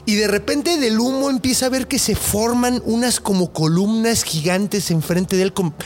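A man with a Mexican accent telling a story in a casual podcast chat, animated and full of slang. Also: high voice. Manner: animated, slangy, quick to laugh.

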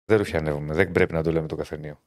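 A man co-hosting a casual sports betting chat, animated and teasing, often talking over the others. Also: very deep voice. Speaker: podcast co-host.

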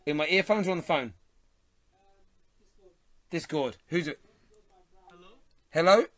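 A man's voice: a little high, lively intonation, a little slow, a bit bright. A man hosting a football phone-in, chatting casually and teasing callers. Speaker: radio phone-in host.

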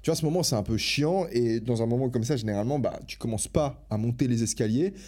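Young male podcast host, fast and excitable, mellow low tone. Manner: fast, enthusiastic, slangy and self-interrupting. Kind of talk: casual solo podcast talk.

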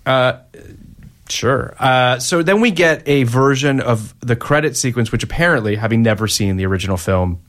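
A mid-pitched man co-hosting a podcast, recapping a film in a relaxed, hesitant way. He stops on frequent fillers and breaks into laughter often. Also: normal speed. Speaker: podcast co-host. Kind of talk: casual chat.

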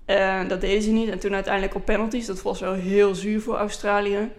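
A woman talks through football matches in a relaxed podcast chat. Her pitch stays flat and even. She explains her points patiently and at length, like an analyst. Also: a little fast. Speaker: women's football pundit. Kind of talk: casual podcast discussion.

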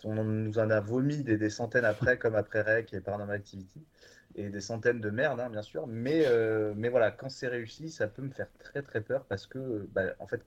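A man's voice: lowish voice, normal speed, muffled recording. A man chatting casually and enthusiastically, with many fillers and restarts. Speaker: guest from a horror streaming platform. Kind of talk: casual podcast chat.

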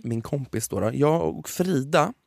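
A young man co-hosting a podcast, chatting casually and telling animated stories. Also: mid-range voice, creaky, no echo. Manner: animated storytelling with quoted voices. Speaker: podcast co-host. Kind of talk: casual chat.

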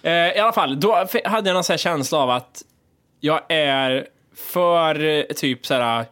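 Male co-host, meandering storyteller, slightly high voice. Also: a bit bright. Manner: rambling storyteller, lots of fillers. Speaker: podcast co-host. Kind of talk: casual chat.

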